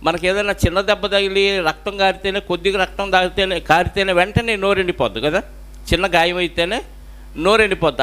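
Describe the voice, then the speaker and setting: Man, Telugu accent, pastor preaching a sermon, fairly high voice, questions to the congregation. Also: fairly bright tone.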